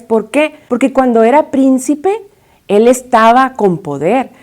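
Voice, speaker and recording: A woman's voice: on the high side, dark tone. A woman with a Mexican Spanish accent, telling a Bible story to children as their teacher and asking them questions along the way.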